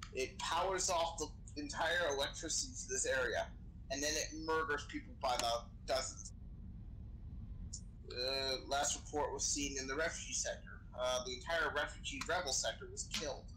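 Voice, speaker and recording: A role-play gamer playing a crew member improvises in character over noisy game voice chat, explaining things in a casual, sweary way. His voice is on the high side with a sharp tone.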